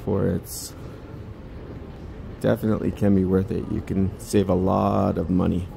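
A low, level, dark voice with vocal fry, a touch slow, carries this vlogger's casual commentary, with a little hiss or hum in the audio. He walks a large indoor department store with a handheld phone camera, making chatty remarks to himself.

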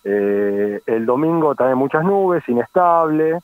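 A man's voice: medium pitch, animated, measured pace, dry recording. An Argentine man giving a conversational weather report as a forecaster calling in to a radio programme. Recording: thin, phone-like radio call.

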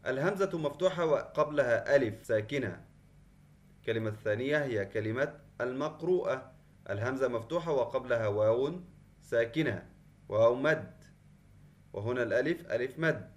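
A man's voice: medium pitch, expressive, moderate pace. Patient male teacher explaining step by step. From Qatar. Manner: patient, explains step by step and repeats key points. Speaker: Arabic teacher. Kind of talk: online class lesson.

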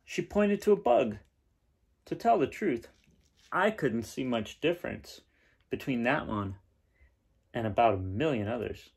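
A man in his thirties sits indoors in a small home room, chatting to camera as he shows and reads a storybook. He speaks at a measured pace with long pauses, his medium-pitched voice expressive, creaky, and husky.

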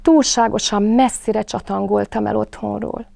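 A woman's voice: steady tone, creaky, warm tone, dry recording. A woman voicing a small young male kangaroo who is lost and clings to his friend. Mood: pleading. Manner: high, pleading childish voice.

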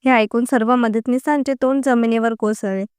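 A woman narrating a story in an even, unhurried reading voice. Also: on the high side, clear, resonant tone, no room sound, clean studio sound.

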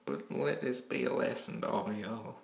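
A man slowly telling a dark confession as a first-person story, in a halting, somber way. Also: medium pitch, creaky. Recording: roomy echo with faint background noise.

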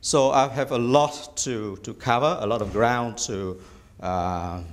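Often stalling on "uh," a middle-aged bishop-elect from Vietnam gives careful interview responses in a mid-range voice. Vietnamese is his first language, and he's seated in a small indoor office room.

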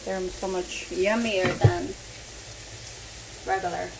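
Slow, chatty young woman cooking. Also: fairly low pitch, fairly even intonation, vocal fry, very noisy. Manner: chatty, easygoing, self-deprecating. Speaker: home cook. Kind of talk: casual cooking vlog. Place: home kitchen. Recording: loud frying and sizzling behind.

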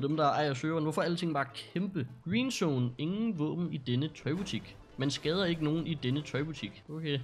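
A young man casually commenting as he plays an online role-play game, joking and laughing at himself. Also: on the high side. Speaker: streamer playing a role-play server.

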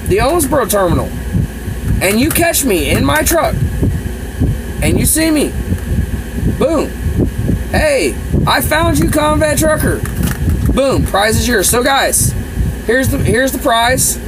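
A truck-driving man talks to the camera from his cab at night, his voice sitting fairly high for a man. He rambles and repeats himself, eager and chatty. The clear hum of the engine and air conditioning runs under every word. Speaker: truck driver vlogger. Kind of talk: casual vlog chat to camera. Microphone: phone or camera held close.

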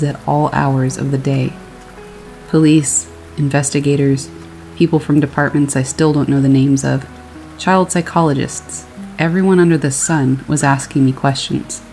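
A horror story narrator calmly reading a first-person scary story aloud, with steady storytelling delivery. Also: medium pitch, poor audio. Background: rain sounds and faint music.

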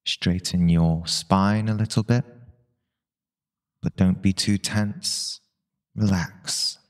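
In a calm guided meditation, a man with a low voice offers spoken instructions a few unhurried words at a time, with long pauses in between.

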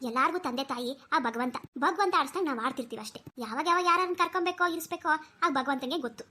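Cartoon old grandmother, voiced by a woman, warm and preachy, high and fast. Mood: consoling. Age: older. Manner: warm, soothing, preachy, lively. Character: kindly talkative old grandmother. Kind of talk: cartoon voice acting.

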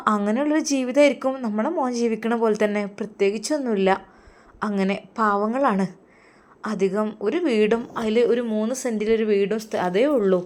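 A woman's voice: mid-range voice, a little mellow, lightly acted. A woman voicing a talkative, worried elderly mother. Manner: chatty, explaining at length.

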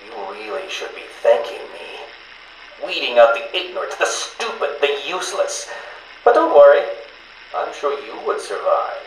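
A smug riddle-obsessed villain, mocking and theatrical, voice swooping up and down, on a roomy old cassette tape. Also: male voice, on the high side, very animated, normal speed. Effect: played back from a cassette interview tape. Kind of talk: video game voice acting. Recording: roomy, faintly hissy tape recording.

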